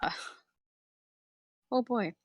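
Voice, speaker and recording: A woman's voice: drawn-out words, dry recording, dull audio. A woman chatting casually as a player at a tabletop game.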